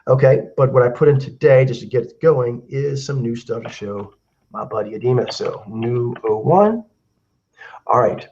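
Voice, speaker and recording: A man hosting a casual video-call chat, his voice slightly hoarse from a cold. He talks in a loose, rambling way, full of fillers. The recording sounds a little dull. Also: medium pitch, moderate pace, a little mellow, a little hiss or hum. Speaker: host.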